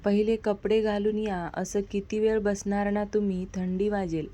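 A flustered young wife in an audio storybook romance, asking softly and pleading with her husband, as a woman narrator reads her lines. Her voice stays gentle and close to an everyday speaking voice. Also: medium pitch, flat delivery, moderate pace, lightly acted.

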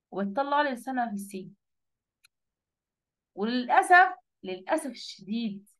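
A woman with an Egyptian Arabic accent teaching a religion class online, stretching out sounds as she demonstrates how to pronounce them. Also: medium pitch. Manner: lively, drawn-out pronunciation demonstrations.

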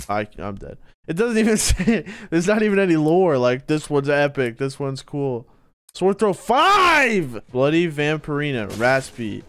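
A man streaming a game and commenting, excitable, laughing and shouting often, swearing a lot. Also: fairly high pitch, smooth. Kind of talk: gameplay commentary.

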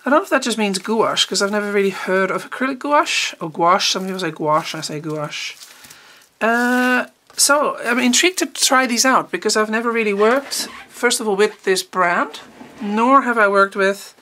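A woman art teacher chatting casually and eagerly as she unboxes art supplies, thinking out loud as she goes. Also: medium pitch. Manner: chatty and enthusiastic, thinking aloud.

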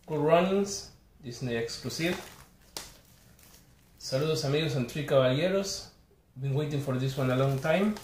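Slight background noise accompanies this mid-range male voice, recorded in a small, echoey bedroom. The speaker, an Argentine whose first language is Spanish and whose accent is Argentine Spanish, chats casually to camera while showing a collection haul, hesitantly and apologetically listing titles one by one.

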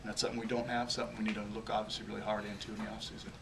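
Speaking very fast in a level, lowish voice with vocal fry, this forties-aged head football coach answers postgame press conference questions, frequently restarting and repeating words while searching for phrases. The setting is a small press room with a logo backdrop behind him. A table microphone on a stand picks him up from a distance, and room noise is audible.

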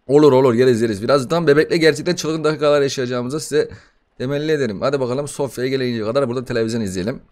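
A young man doing casual gaming commentary, excitable and profane, bantering with the game as he plays a horror title. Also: medium pitch, rapid-fire. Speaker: gaming YouTuber.

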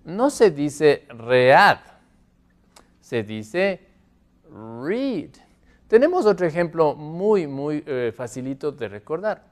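A man who speaks Spanish natively, teaching an English lesson, modelling phrases slowly and repeating them with care. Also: on the high side, sing-song, a little mellow. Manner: slow, careful modelling of English phrases with repetition. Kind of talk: classroom lesson. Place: classroom with a board.

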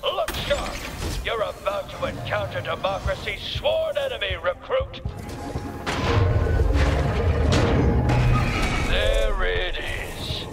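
High-pitched, bombastic military drill instructor. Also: male voice, lively intonation, a little slow, creaky, exaggerated voice. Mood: urgent, commanding. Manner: pompous, theatrical, exclamatory. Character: bombastic gung-ho male military drill instructor, flattering recruits. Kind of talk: video game tutorial voice acting. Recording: game audio with loud music behind.

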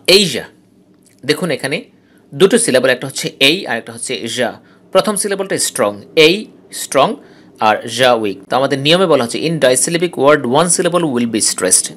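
A male English teacher from Bangladesh giving a recorded phonetics lesson. He explains slowly, repeats key terms and reads English rules aloud. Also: medium pitch, fairly bright tone.

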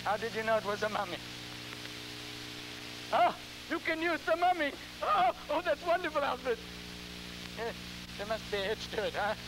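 A man playing a ghoulish, theatrical horror host, halting and repeating his words in a campy, scheming, cackling manner on an old television show. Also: high voice. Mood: coaxing, flustered. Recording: noisy, humming vintage television recording.

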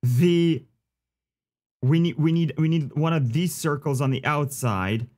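A man's voice: on the high side, a little slow, a little mellow. Jumpy man commentating a horror game. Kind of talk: gameplay commentary, thinking aloud.

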